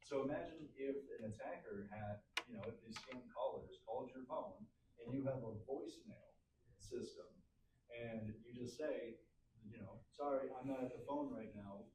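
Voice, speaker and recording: A man presenting at a cybersecurity outreach event, explaining in a relaxed, chatty way and giving practical advice. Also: medium pitch, normal speed. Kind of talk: casual explaining to an audience. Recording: echoey room mic from a distance, background noise.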